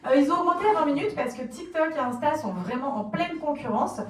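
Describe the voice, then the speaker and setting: A French woman giving a lively conference talk, explaining plainly, asking the audience questions and acting out quotes. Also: high voice, a little fast. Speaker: conference speaker on social media marketing. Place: conference room, recorded from a distance. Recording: roomy, distant conference recording.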